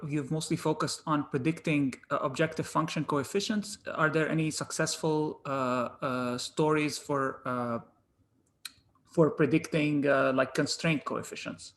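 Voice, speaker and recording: A man moderating a question session on a video call, asking questions briskly and courteously. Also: fairly high pitch, fairly even intonation, a bit bright.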